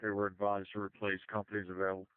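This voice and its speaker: A man's voice: lowish voice, monotone, racing, clear, resonant tone, no echo. A man giving a terse, matter-of-fact update as a fire officer over two-way radio. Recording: tinny phone-like radio transmission.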